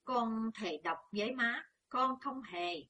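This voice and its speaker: A woman's voice: medium pitch, expressive, measured pace, sharp tone, slightly rough, exaggerated voice. A woman doing a young woman in pain. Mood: strained. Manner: strained but composed.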